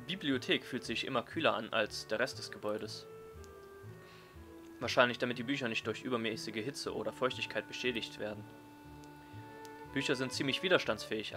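A man reading a visual novel aloud as a let's player, in an expressive storytelling style. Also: mid-range voice.

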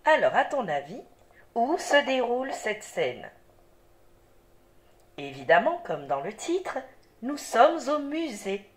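A woman schoolteacher reads sounds and syllables aloud for young children at a very slow pace. Her voice sits a little high and moves a lot in pitch. She stays patient and encouraging throughout. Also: big pitch swings. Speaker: primary school teacher. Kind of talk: slow, clearly articulated reading lesson for young children.

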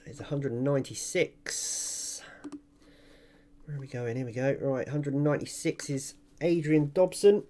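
A man's voice: mid-range voice, steady tone, moderate pace, dark tone. A man hosting an online prize draw, announcing winners in a casual, chatty, informal way and talking directly to viewers. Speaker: online giveaway host and video channel owner.

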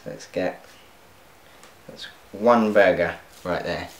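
A deep-voiced young man takes his time speaking as he cooks at home, talking to viewers and laughing at his own mistakes. It's casual cooking commentary from a vlogger, recorded in an echoey kitchen with a faint clatter of pans.

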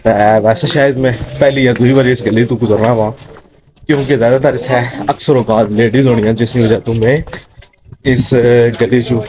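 A man's voice: medium pitch, fairly even intonation, normal speed. A young man with a Pothwari Punjabi accent, vlogging casually as he walks a market and greets shopkeepers. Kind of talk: casual walking vlog chat. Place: busy outdoor bazaar. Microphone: handheld camera at arm's length. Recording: crowded street noise. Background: crowd chatter and street noise.

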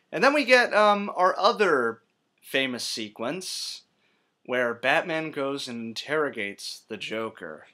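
A man's voice: medium pitch, bright, forceful tone. Swearing man ranting about a movie. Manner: swearing, scornful, drifting between mutters and outbursts. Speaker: vlogger. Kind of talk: profane movie-review rant.

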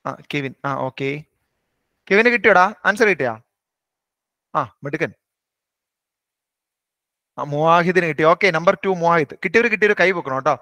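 A man teaching an online maths class. His voice is high and bright, and he talks quickly. The sound is close and dry, with no room around it. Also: animated, no echo. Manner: brisk, coaxing, teasing students by name. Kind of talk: live online class, questioning students.

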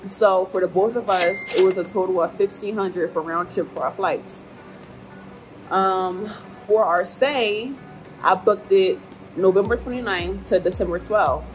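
A woman's voice: mid-range voice, a little slow, music in the background, rough recording. A young woman vlogger talking casually to camera indoors in an informal, slangy, emphatic way. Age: young adult. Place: indoor room at home or lodging, fan running.

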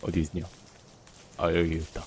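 A man's voice: deep voice, monotone, moderate pace, darkish tone. A man casually commenting on his own gameplay, chatting to viewers and teasing the characters on screen. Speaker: game streamer. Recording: faint game music behind.

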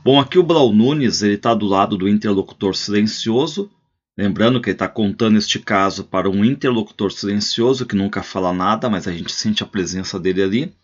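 A male literature teacher reading a short story aloud and explaining it in a relaxed, conversational way. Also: lowish voice, a little fast, slightly rough. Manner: explanatory, frequent tag questions. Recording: slightly muffled lo-fi recording.

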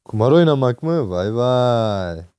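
A young man from Turkey giving casual, excitable gameplay commentary, joking and swearing at the game from a desk mic at home. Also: mid-range voice, measured pace, smooth, no echo. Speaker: gameplay streamer.

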